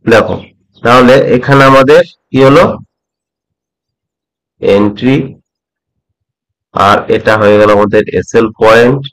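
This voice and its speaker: A middle-aged man from West Bengal teaching a trading method, talking slowly and repeating points, often checking that the listener follows. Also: mid-range voice, a bit bright, low-quality recording. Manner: slow, repeats points, asks "ঠিক আছে?" often. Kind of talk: slow explanatory tutorial.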